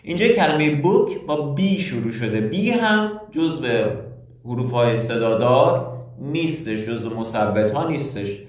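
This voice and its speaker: A man's voice: mid-range voice, expressive. Echoey man teaching grammar. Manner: explains step by step with questions to the learner. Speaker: English teacher. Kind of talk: grammar lesson. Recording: very echoey room, distant mic.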